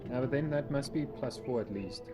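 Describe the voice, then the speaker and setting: Narrating and handing down rulings as game master, a man speaks fairly quickly in a mid-range voice, sounding casual and a little hesitant. Music runs in the background beneath the tabletop game chatter.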